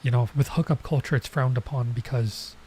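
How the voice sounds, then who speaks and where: Brisk and fairly even in intonation, this man's mid-range voice is a little mellow, with some hiss or hum in the background. He streams a visual novel with relaxed let's play chatter full of rambling asides, his nose stuffed up from a cold that's just starting.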